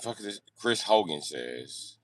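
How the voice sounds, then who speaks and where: The livestream host has a deep voice with big pitch swings and a measured pace. He reads and responds to comments in casual, profane chat that's brash, joking and slangy, with plenty of cursing.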